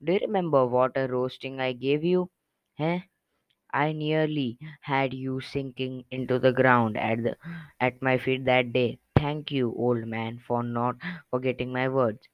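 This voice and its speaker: A man reading a smug, patronizing gentleman. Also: mid-range voice, fairly even intonation, a little slow, no echo, muffled recording, close to an everyday voice. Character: self-satisfied middle-aged gentleman, patronizing and pleased.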